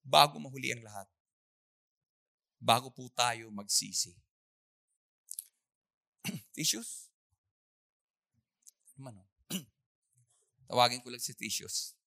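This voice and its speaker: A preacher telling a story in a sermon, acting out the scenes with animation and clearing the throat often. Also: medium pitch, slow pace, long pauses, sharp tone, dry recording, studio quality.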